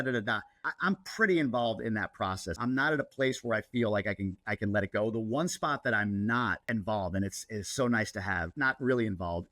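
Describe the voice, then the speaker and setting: A man, a content creator guest, talking in a casual interview with an excitable, animated manner. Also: mid-range voice, dry recording.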